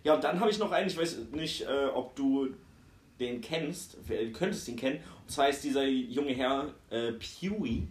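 A young man co-hosting a casual chat about rap releases, slangy and opinionated, quick to judge a track. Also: medium pitch, expressive. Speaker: podcast co-host. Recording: roomy echo.

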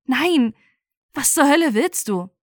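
A woman's voice: high voice, animated, slow, dry recording, studio quality, pitched above the performer's own voice. A woman reading out the chat lines of a frightened but defiant eighteen-year-old girl, her voice a little raised. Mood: pleading.

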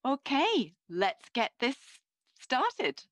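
A woman giving a live interpreter voice-over for a signing host, speaking in measured short phrases. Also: high voice, wildly swooping pitch, no echo.

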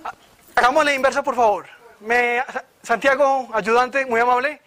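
A man teaches at a church retreat, his voice very high and bright. He tells his own stories in a lively way and acts out the voices of the people in them. The sound is that of an indoor meeting room. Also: moderate pace. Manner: animated storyteller who acts out voices. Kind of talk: informal sermon with personal stories.

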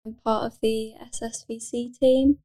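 A woman's voice: fairly high pitch, flat delivery, unhurried, warm tone. A young woman student, a podcast guest, speaking casually with lots of hedging words. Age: young adult.

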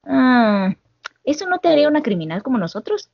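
A woman's voice: high-pitched, big pitch swings, brisk, gravelly, no room sound, voice pushed up, heavily acted. A woman voicing a wary young male pirate who asks hesitant, probing questions, heard over slightly dull call audio. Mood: suspicious.

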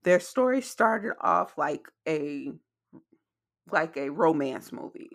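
A woman's voice: low voice, animated, takes it slowly, creaky. A woman hosting a reflective podcast conversation, speaking emphatically and repeating phrases for stress, with wet mouth clicks as she talks. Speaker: podcast host.

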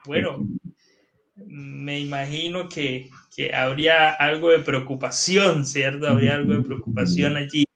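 Male guest pastor, unhurried, interactive sermon delivery. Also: fairly high pitch, steady tone, a bit bright. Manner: engaging, asks the audience questions. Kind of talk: sermon-like teaching.

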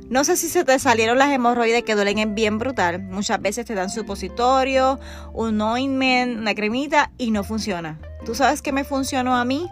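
A Puerto Rican woman in her thirties hosts a podcast, talking candidly and casually straight to the listener in Puerto Rican Spanish. Her voice is a little high and somewhat bright.

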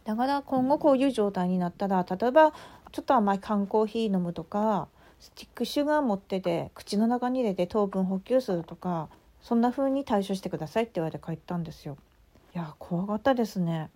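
A woman podcast host with a Tsugaru dialect, telling a story in a casual, animated way with many asides. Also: mid-range voice, fairly quick. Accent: Tsugaru dialect of Japanese. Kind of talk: casual solo audio chat.

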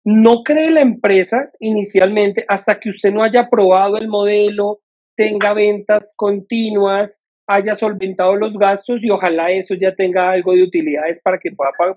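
A woman's voice: mid-range voice, fairly even intonation, normal speed, a little mellow. A woman hosting an interview who affirms and sums up the guest's points, then gives advice of her own. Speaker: host. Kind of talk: interview conversation. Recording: dull muffled audio.

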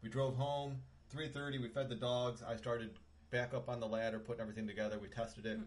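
A man's voice: medium pitch, little pitch movement, a little fast. A middle-aged man co-hosting a home podcast, rambling through a story with lots of fillers. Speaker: podcast co-host. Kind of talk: casual chat. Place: home bedroom.

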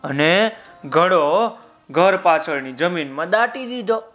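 A man telling a children's story, lively and speaking directly to his young listeners. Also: high voice, slow, faint music behind.

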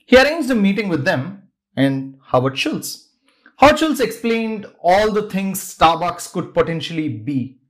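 A man's voice: sits high, big pitch swings, unhurried. A man hosting a podcast, narrating a scripted story with dramatic, varied pacing. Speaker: podcast host.

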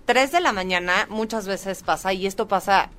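A woman's voice: medium pitch, normal speed, fairly bright tone, a little hiss or hum. A woman, a sleep consultant, explaining patiently and often checking in with "ok?". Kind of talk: casual podcast chat, explaining.

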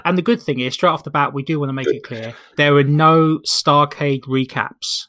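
A man's voice: fairly high pitch, steady tone, normal speed, fairly bright tone. A British man hosting a casual podcast chat with a jokey, sarcastic manner. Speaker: podcast host. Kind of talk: casual comedic wrestling review chat.

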